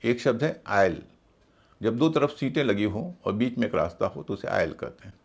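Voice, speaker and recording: A man gives a video lesson on English pronunciation. His voice has a gravelly edge and swings widely in pitch. He talks slowly and with care, spelling words out letter by letter. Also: sing-song.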